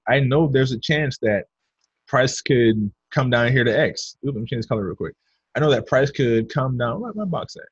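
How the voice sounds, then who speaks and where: A man leads a casual trading lesson over a screen share and keeps calling his viewers "you guys" as he explains. His voice is a little husky and sits at an ordinary pitch. The recording sounds dull and dry, like a basic computer mic at a desk. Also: no echo. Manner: chatty, addresses viewers as "you guys", talks to himself while drawing. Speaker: trading instructor.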